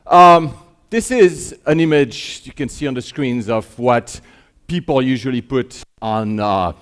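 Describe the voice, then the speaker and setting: On a conference stage in front of an audience, a middle-aged man from Geneva, Switzerland, delivers an informal keynote at a measured pace and medium pitch. His manner is conversational, wry and self-deprecating, and he often poses rhetorical questions.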